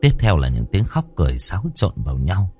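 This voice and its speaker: A male storyteller narrating a horror story with expressive, dramatic pacing. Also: low-pitched, a little fast, faint music behind.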